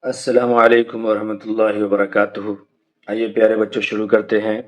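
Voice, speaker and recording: A man's voice: lowish voice, little pitch movement, lo-fi sound, soft background music. A man teaching young children to read the Quranic alphabet, patiently repeating each letter sound and drawing it out. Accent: Indian Urdu. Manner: slow drawn-out drilling of letter sounds.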